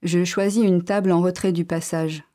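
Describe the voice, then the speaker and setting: A woman narrating a literary story in the first person, reading in a calm, measured way. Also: fairly low pitch.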